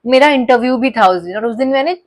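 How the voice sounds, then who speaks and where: A young woman vlogger telling a personal story in a casual, animated way, often mixing English phrases into her talk. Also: a little high, fast. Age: young adult.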